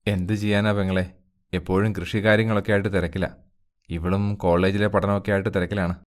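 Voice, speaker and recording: A gentle elderly village father who farms, played by a man, soothing his daughter in a storybook tale. His voice sits a little low and speaks with quiet fondness. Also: little pitch movement, a little fast, lightly acted. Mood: friendly. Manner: fond, soothing.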